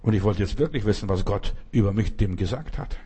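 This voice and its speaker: A man's voice: on the low side, fairly quick, slightly rough. A man preaching a conversational sermon, talking straight to one listener and acting out the stories he tells. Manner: speaks directly to one listener, often asks "weißt du"; animated storytelling, acting out quoted voices.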